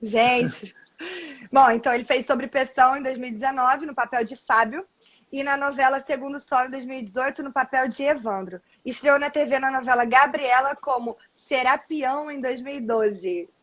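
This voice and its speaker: A woman's voice: sits high, normal speed, a bit bright, highs cut off. A woman hosting a live-stream interview from home over a video call, effusive and laughing often. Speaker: host.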